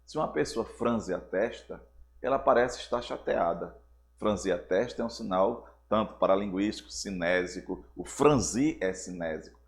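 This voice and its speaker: Low-voiced male teacher explaining a lesson. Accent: Brazilian Portuguese. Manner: explains with frequent "certo?" check-ins to students. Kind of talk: recorded school lesson.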